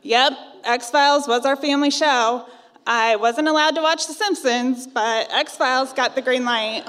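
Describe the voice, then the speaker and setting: A woman's voice: high voice, unhurried, fairly bright tone, big-room sound. A woman in her thirties from Iowa, narrating a personal ghost story in a wry, conversational way. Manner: wry, conversational, self-teasing.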